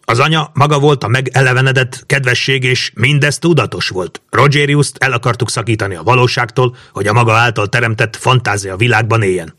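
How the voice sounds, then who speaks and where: A man voicing a scheming mage who lays out his plans in a measured, lecturing way, read as an audiobook. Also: mid-range voice, pushed and bright, no echo, clean studio sound. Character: scheming male mage, calm cold schemer. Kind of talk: audiobook reading.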